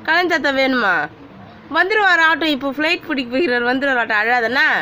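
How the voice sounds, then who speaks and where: A woman comforting a crying child in a home video, repeating gentle coaxing pleas. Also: high voice, fast talker, slight background noise. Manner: repetitive coaxing, soothing pleas. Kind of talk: home video, consoling talk.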